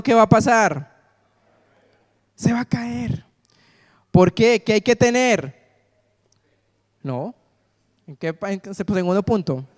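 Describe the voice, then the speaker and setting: High, resonant preacher man. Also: smooth. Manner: call-and-response, asks congregation to fill in words. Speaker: pastor. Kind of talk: sermon. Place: church sanctuary. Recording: long reverb of a church hall.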